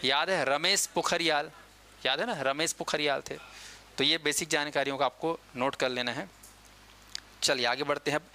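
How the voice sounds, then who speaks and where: A man gives a coaching-class lecture in a casual, chatty style, quizzing students and answering himself, and slowing down to dictate key terms. His voice is a little high, sharp, and clean.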